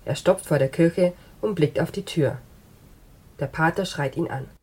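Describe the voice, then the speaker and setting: A woman narrating an absurdist short story in an even, matter-of-fact reading. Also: low-pitched, unhurried, breathy edge.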